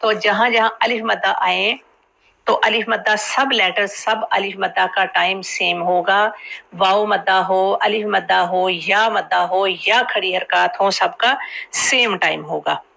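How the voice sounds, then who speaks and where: Woman tajweed teacher, gravelly, bright tone, slow drawn-out recitation between quick explanations. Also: mid-range voice, fairly even intonation, rough recording. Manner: explains quickly, then draws out each recited word slowly. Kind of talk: tajweed lesson, explaining and slowly modeling recitation.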